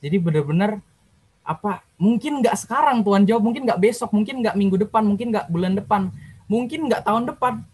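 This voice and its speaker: A young man with a voice pitched a little high. He tells his own story in casual slang, with lively, heartfelt energy. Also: brisk, breathy edge, rough recording. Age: young adult. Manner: lively, slangy, emotional retelling. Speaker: youth sharing a testimony.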